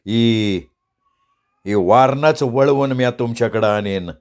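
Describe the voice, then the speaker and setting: A man voicing a strong, grateful rustic village man in a storybook reading, talking in slow, heavy village speech. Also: mid-range voice, darkish tone, close to an everyday voice. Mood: earnest.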